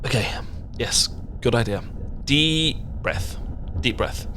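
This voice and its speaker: Here a man performs an ASMR romance roleplay as a nervous, bookish British man who stammers, repeats phrases, and wanders off on tangents. His typical male pitch comes across expressive and sharp in tone, and he takes it slowly over a faint background hiss.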